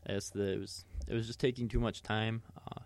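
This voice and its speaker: Low-voiced man rambling about sports. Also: fairly even intonation, fairly quick, a little hiss or hum. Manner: rambling, many fillers and restarts. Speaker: podcast co-host. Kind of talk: casual sports chat.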